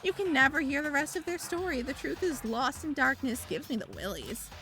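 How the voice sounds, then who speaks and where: A woman doing a taunting evil robot bear mascot, a little gruff but swinging high and low in a big lively range, mocking and theatrical, with game music going underneath. he's smug, he draws out his jabs, and he sounds like a cartoon villain in a video game. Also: fairly quick. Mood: mock-gloomy. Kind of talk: video game voice acting on a live stream.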